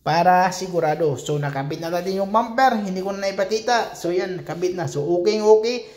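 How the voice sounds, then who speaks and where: Man, from the Philippines, high voice, casual repair-shop vlog, chatty, keeps addressing viewers as countrymen. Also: fairly quick, a little mellow. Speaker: auto body repair vlogger. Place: auto body shop.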